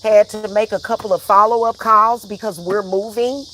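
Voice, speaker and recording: A woman's voice: mid-range voice, steady tone, normal speed, fairly bright tone, a little hiss or hum. A woman vlogger ranting in a heated, emphatic, profane way, repeating herself for emphasis. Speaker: vlogger and spiritual reader. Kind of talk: heated personal rant.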